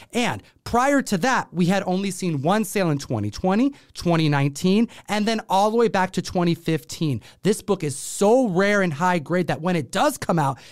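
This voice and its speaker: A man's voice: sits high, no echo, studio quality. A man co-hosting a top ten countdown show, presenting in a slangy, hyped-up way. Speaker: co-host of comic book countdown show.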